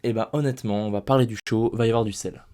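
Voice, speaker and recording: A man's voice: lowish voice, fairly even intonation, quick pace, warm tone. Ranting young man recapping a show. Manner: emphatic, ranting, repeats himself. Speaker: wrestling recap youtuber. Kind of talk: casual spoken show recap. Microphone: desk microphone.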